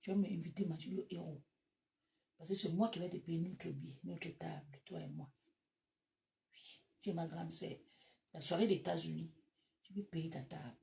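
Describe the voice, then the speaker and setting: A woman with a Cameroonian French accent talks casually to her followers in a gravelly voice. She is animated and breaks into loud bursts. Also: on the low side, normal speed, pauses often. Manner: animated, laughs loudly, shifts to loud bursts. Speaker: social media live host. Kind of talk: casual live chat to followers.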